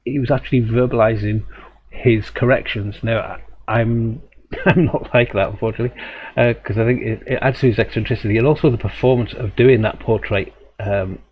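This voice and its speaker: Dull lo-fi audio with a faint hum carries a man's steady, medium-pitched voice, moving a little fast as he runs a live drawing demo and chat. His teaching is reflective and slightly meandering, full of self-corrections and chuckles.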